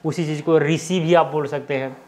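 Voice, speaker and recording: A man's voice: on the high side, fairly even intonation, normal speed, darkish tone, slight background noise. A man explaining a script lesson step by step, often checking in with the viewer. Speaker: teacher.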